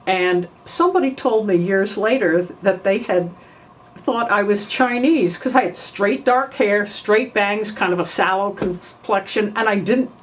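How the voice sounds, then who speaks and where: An older woman from New York telling family memories in an unhurried way, often clearing her throat. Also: medium pitch, a little hiss or hum, rough recording. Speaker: family memoir narrator. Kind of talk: reminiscing oral history.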